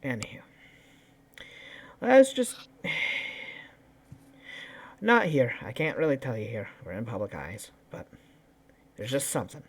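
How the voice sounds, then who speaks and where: A man playing his character in a tabletop game, joking with the table and breaking into laughter often. His pitch swings widely as he talks, from low mutters to sudden high exclamations. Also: wildly swooping pitch, a little slow, long pauses, slightly rough. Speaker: player.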